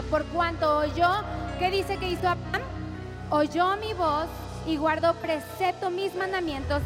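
A woman preacher with a Latin American Spanish accent, leading the congregation in repeated declarations during a sermon. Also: extremely high pitch. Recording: reverberant church hall with music. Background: music.

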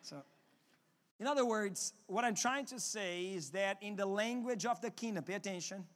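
The long reverb of a hall surrounds a pastor's earnest sermon. He is a native Portuguese speaker with a Portuguese accent, talking at normal speed in a high, fairly bright voice and often starting his words over.

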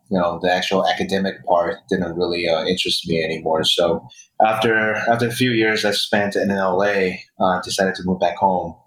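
A man, a guest chef, giving casual interview answers in a halting way with many restarts, heard through fuzzy distortion and echo. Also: low-pitched, fairly bright tone. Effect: fuzzy distortion and echo from a faulty recording. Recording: distorted echoey recording.

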